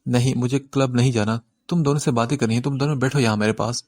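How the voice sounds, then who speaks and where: A man's voice: fairly even intonation, a little mellow, no room sound, studio quality, natural voice. A man reading an audiobook voices a tearful, hot-tempered young woman who cries one moment and threatens the next. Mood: tearful, bossy. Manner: sobbing complaints turning to shrill threats.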